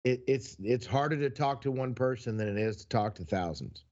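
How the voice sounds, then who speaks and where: A man's voice: mid-range voice, expressive, moderate pace, a little mellow. Easygoing man telling stories, muffled sound. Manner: easygoing, anecdotal. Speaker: podcast co-host, former announcer. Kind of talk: casual storytelling.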